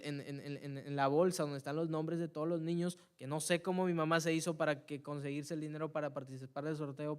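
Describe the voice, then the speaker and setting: A man preaching a church sermon, telling a personal story and building to loud, fervent appeals, often repeating words as he searches for them. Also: a little high, clean tone. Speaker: preacher giving testimony. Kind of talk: Spanish-language church sermon.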